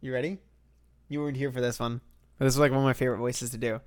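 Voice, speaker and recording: A woman's voice: rumbling low, fairly even intonation, rapid-fire, a little mellow, a little hiss or hum. A woman in casual gameplay chat, reading out and voicing the characters as she plays.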